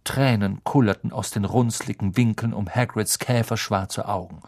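A man reading a children's novel aloud as audiobook narrator, in a calm, measured way. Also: lowish voice. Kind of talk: scripted narration.

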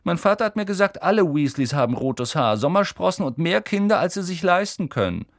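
A man's voice: high-pitched, very animated, fairly quick, no room sound, clean studio sound, voice pushed up. A man voicing an arrogant, mocking rich schoolboy in an audiobook reading. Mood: sneering. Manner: drawling, mocking.

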